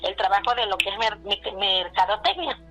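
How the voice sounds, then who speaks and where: A woman's voice: mid-range voice, lively intonation, moderate pace, bright, forceful tone, soft background music, rough recording. A woman with a Mexican accent telling a personal story in a rambling, casual way. She keeps repeating "le digo" and "dice" and uses fillers like "este".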